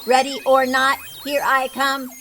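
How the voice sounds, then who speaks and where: A woman voicing a cheerful, boastful robot boy cat in a storybook read-aloud, loud and eager. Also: high voice, monotone, unhurried, faint music behind, voice pushed up.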